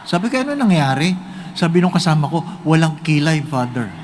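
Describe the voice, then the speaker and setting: A Filipino priest preaches a humorous homily, his fairly high voice leaping up and down as he tells jokes. He keeps asking his listeners rhetorical questions, with a faint hum behind him. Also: fairly quick. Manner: joking, animated storytelling with rhetorical questions.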